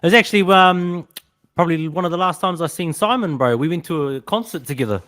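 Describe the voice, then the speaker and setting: A man with a broad New Zealand accent telling stories casually among friends in an animated, slangy way, peppering phrases with bro and eh. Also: on the high side, fairly quick.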